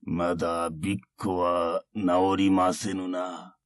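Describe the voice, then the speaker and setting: A man voicing a calm, mocking monk who is secretly a ninja, speaking slowly in archaic, quietly taunting phrases. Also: low-pitched, no room sound, clean studio sound.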